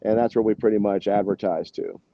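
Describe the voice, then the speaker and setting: Chatting informally as an interview guest, an American band musician rambles and keeps saying "you know" and "man." His low, steady voice runs a little fast with some creak, and the recording is dry and dull.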